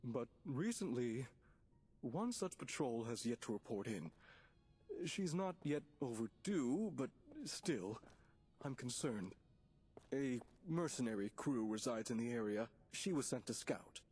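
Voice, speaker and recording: A man playing a formal, condescending vault official in video game dialogue, speaking in a measured way. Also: medium pitch, expressive, a little mellow, husky. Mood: concerned. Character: formal, condescending male authority figure in a vault.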